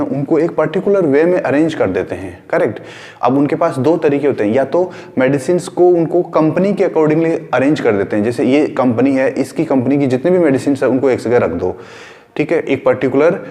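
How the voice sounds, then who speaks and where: A man's voice: a little high, darkish tone, in a large hall. A man teaching a school science class. He explains with everyday examples, repeats his key points and asks questions, then answers them himself. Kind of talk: classroom lecture.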